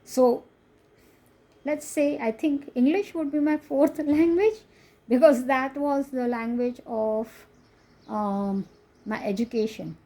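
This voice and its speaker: An Indian woman whose first language is Konkani flips through a coloring book, chatting casually in an Indian accent, laughing often and making self-deprecating asides. Her voice sits high, with a dark tone and a slow pace.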